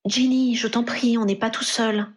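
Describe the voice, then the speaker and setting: A woman's voice: a little high, fairly even intonation, moderate pace, voice pushed up, lightly acted. A woman voicing a young man lying injured in a hospital bed, speaking plainly.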